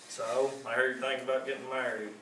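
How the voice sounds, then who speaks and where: A man acting as an easygoing grown son in a school play, with a relaxed delivery. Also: mid-range voice, brisk, roomy sound, recorded from a distance, slight background noise, natural voice, poor audio. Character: grown son Lyons, easygoing and smooth-talking.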